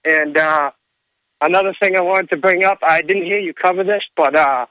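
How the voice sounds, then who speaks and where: A man calling in to a radio talk show, talking casually in a halting, earnest way. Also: high voice, sharp tone, dry recording, rough recording.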